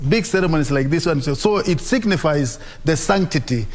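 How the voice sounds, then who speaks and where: A man's voice: fairly high pitch, lively intonation, brisk. A man with a Kenyan accent explaining as an expert guest, repeating phrases for emphasis. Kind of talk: explanatory live commentary.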